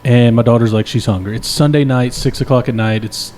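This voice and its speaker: A podcast co-host chats and tells stories casually, jokey and heavy on slang. His medium-pitched voice holds a steady tone, runs a little fast, and sounds slightly mellow, with a faint hiss or hum in the background.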